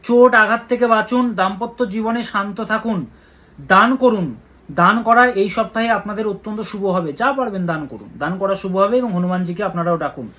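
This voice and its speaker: A man with a Bengali accent, an astrologer giving earnest weekly horoscope advice and slowly chanting mantras. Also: high voice, bright, forceful tone.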